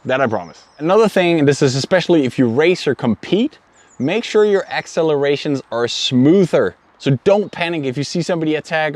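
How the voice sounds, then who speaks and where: A man's voice: a little high, darkish tone, no room sound. A man from Denmark explaining inline skating technique in an earnest, repetitive tutorial manner. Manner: earnest, explanatory, repeats words while thinking. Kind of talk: instructional tutorial.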